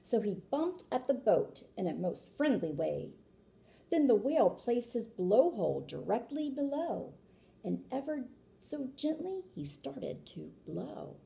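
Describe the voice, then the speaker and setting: A woman reads a children's picture book aloud in an animated, teacherly way, pausing for explanations and questions to her listeners. Her voice is fairly high with vocal fry, and her pace is measured.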